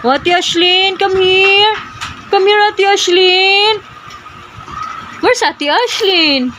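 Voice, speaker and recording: Mom cooing in very high baby talk. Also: female voice, very slow, bright, forceful tone. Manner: sing-song baby talk to her small children. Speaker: mother. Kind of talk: talking to her children on a home vlog. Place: home. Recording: noisy home recording.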